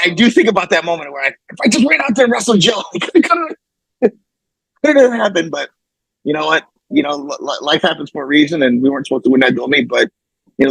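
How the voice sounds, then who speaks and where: A man's voice: medium pitch, gravelly, a bit bright, breathy edge, no room sound, low-quality recording. A middle-aged man, a former wrestler, telling a story casually and animatedly, repeating words and acting out what people said. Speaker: podcast guest, former wrestler.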